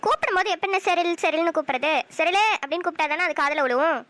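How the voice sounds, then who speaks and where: A woman's voice: extremely high pitch, very fast, heavy background noise. A woman voicing a cheeky young village girl in a cartoon, answering back teasingly with a Kanyakumari Tamil accent. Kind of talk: cartoon voice acting.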